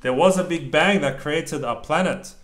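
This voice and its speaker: A man reads a children's storybook aloud in a parent's role, his delivery deliberate and sing-song, with casual asides. His voice is a little high and fairly bright.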